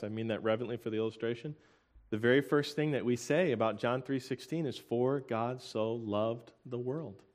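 A young man preaching a sermon, earnest and emotional, with halting restarts and soft laughs. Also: medium pitch.

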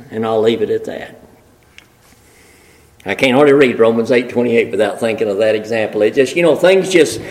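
A man's voice: mid-range voice, poor audio. A man preaching a sermon in a folksy, emphatic way, building rhetorical lists and repeating phrases for weight.

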